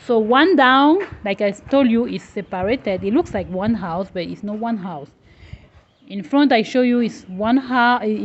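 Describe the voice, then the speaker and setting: A travel vlogger hosts a casual walking tour of a house under construction, speaking English as a second language with halting phrasing and restarts. Her voice is a little high, and the recording is muffled with slight background noise.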